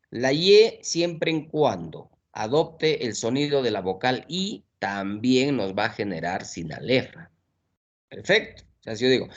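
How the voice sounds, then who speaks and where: A man's voice: mid-range voice, highs cut off. A man, teaching an exam-prep lesson step by step and checking in with frequent tag questions.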